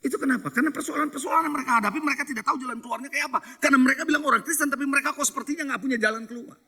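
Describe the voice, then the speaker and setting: This middle-aged pastor's voice is very high, bright and forceful, and he talks very fast. Preaching in a church hall, he tells stories, puts questions to the congregation and mixes in English phrases.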